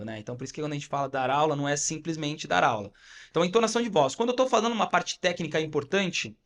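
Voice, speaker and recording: A man with a slightly high voice and a Brazilian Portuguese accent walks through coaching advice point by point. He talks casually, often checking in with "né?". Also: a bit bright. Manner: explains step by step, frequent "né?" and "tá?". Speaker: podcast co-host, fitness coach. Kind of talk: casual instructive podcast talk.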